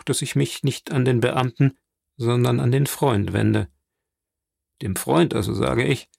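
A man reading an audiobook, voicing a grave, deliberate physician. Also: mid-range voice, creaky, a little mellow, no room sound, clean studio sound. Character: grave, measured male physician.

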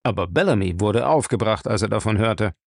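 A man reading a novel aloud chapter by chapter in a steady storytelling manner. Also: lowish voice, fairly quick, creaky, dry recording, studio quality. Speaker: audiobook reader.

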